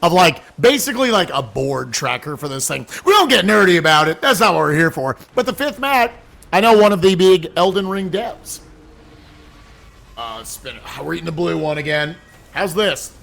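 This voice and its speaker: Man, charity stream host, high lively voice, gravelly edge, excitable chatter. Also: normal speed. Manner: excitable, reads donations aloud, reacts loudly to gross jelly beans. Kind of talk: casual livestream chat.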